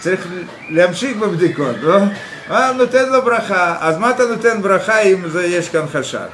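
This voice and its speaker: High-voiced man teaching Torah, halting. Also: lively intonation, a bit bright. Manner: halting, full of fillers and rhetorical questions. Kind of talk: Torah class. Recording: echoey room with faint background noise.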